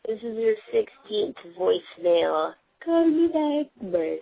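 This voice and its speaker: Pesan mesin penjawab telepon dari seorang wanita, suara serak. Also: female voice, medium pitch, sing-song, slow pace, creaky. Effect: answering machine message over a phone line. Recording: tinny phone line with faint noise.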